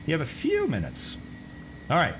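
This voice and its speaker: A man's voice: a little high, huge pitch swings, moderate pace, noisy background. A man streaming a flight simulator, chatting casually with viewers, thinking aloud and laughing often. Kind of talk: casual live-stream chat.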